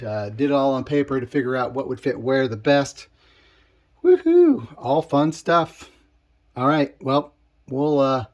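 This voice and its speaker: A man's voice: medium pitch, darkish tone, muffled recording. Man, casual vlog, rambling and chatty, voice a little off after surgery, home game room. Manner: rambling, chatty, with frequent fillers and restarts. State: voice slightly off after tonsil surgery. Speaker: arcade collector vlogger.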